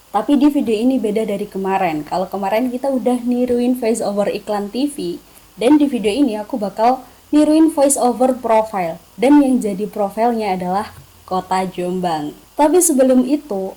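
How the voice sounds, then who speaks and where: A young woman talks through voice-over tips in a casual, chatty way, tossing in playful jokes at her own expense. Her voice sits a little high but sounds mellow and warm. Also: low-quality recording. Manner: chatty, playful, self-deprecating asides. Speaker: voice-over tutorial host. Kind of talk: casual tutorial chat.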